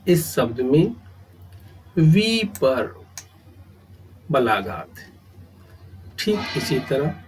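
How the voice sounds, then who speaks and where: A middle-aged man teaching grammar, speaking in short phrases with long pauses and repeating key terms. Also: on the high side, a little mellow, slight background noise, poor audio. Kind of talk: slow, deliberate grammar lesson.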